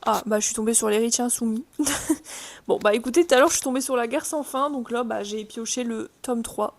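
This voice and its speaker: Chatty French book vlogger woman. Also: fairly high pitch. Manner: chatty, many fillers, reads titles quickly. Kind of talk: casual chat to camera. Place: room indoors as daylight fades.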